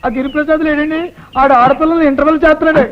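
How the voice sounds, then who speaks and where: An actor playing a flattering, deferential servant who is eager and scheming, in comic film acting. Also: male voice, extremely high pitch, racing. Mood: fawning. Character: fawning, scheming male servant, eager and quick. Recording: dull film soundtrack with faint music.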